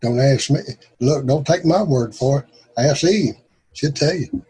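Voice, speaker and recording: Breathy folksy man leading a group. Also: medium pitch, a little slow, warm tone. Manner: folksy, calls on speakers by name. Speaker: prayer group leader. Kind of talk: casual group discussion.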